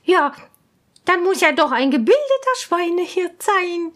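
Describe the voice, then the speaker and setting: A woman voicing a haughty, spoiled young princess in a storybook reading, high and imperious. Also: sing-song, unhurried, a bit bright, heavily acted.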